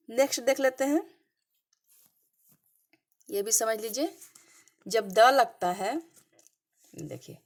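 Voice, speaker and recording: Woman teacher quizzing her class. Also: medium pitch. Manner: asks the class questions and answers them herself; checks in often with "clear?" and "okay". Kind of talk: slide-based grammar lesson.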